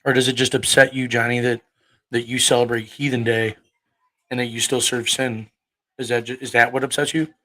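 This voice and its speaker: A man in his thirties preaches to a livestream audience and fights with the chat, cursing and hurling rhetorical questions. His medium-pitched voice is brisk, bright, and forceful, with a level tone, and the recording quality is low.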